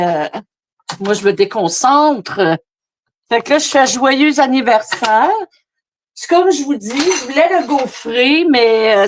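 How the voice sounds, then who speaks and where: Chatty slow-talking Québécois woman. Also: a little high, a little hiss or hum. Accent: Québécois French. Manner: chatty, rambling, many fillers. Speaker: card-making demonstrator. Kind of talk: casual live craft demo. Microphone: phone camera.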